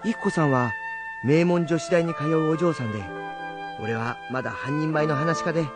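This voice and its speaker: An actor playing a hot-headed young rakugo storyteller, blunt and quick to scold. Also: male voice, on the high side, music in the background, close to an everyday voice. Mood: brooding. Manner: gruff, rough-tongued and quick to scold. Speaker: rakugo storyteller teaching students. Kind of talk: film drama acting.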